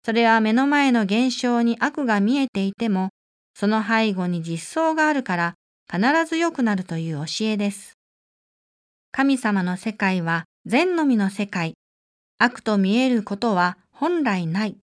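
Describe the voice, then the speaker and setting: A woman on the staff of a religious group, telling a personal testimony and then reading from a text in an earnest, measured way. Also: mid-range voice, animated. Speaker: staff member giving a religious talk.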